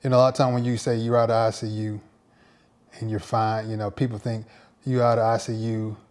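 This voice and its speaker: A male pastor giving a personal faith testimony in a reflective, halting way, often repeating words as he searches for them. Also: lowish voice, flat delivery, darkish tone.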